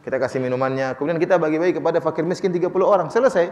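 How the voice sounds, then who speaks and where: Preacher in a reverberant hall. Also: male voice, a little high, racing, a little mellow. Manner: conversational, playful, acts out short dialogues. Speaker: preacher answering questions. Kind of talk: Islamic study sermon with Q&A.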